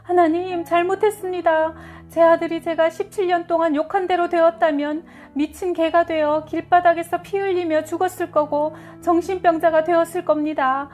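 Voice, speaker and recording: A woman's voice: high-pitched, voice pushed up. Woman acting out a furious foul-mouthed mother.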